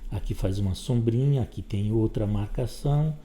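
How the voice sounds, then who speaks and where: A man's voice: lowish voice, moderate pace, warm tone. A man teaching a step-by-step drawing lesson, giving patient instructions while he sketches.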